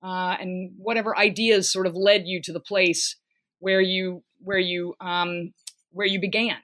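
A woman's voice: on the low side, fairly even intonation, unhurried, a bit bright. A woman hosting a book interview, reading a prepared introduction and then asking long questions full of fillers. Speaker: podcast interviewer.

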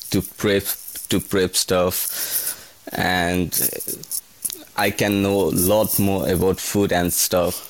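A young man from Nepal, a kitchen hand answering interview questions in a halting way, often restarting his words. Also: sits low. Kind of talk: casual interview.

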